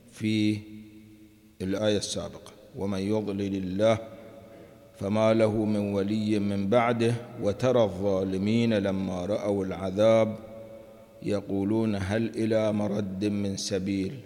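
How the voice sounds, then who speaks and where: Low mellow man teaching Quran commentary. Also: level tone. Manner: reads verses slowly, then explains in a mix of formal and colloquial Arabic. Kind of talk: verse-by-verse Quran commentary lesson. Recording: long hall reverb.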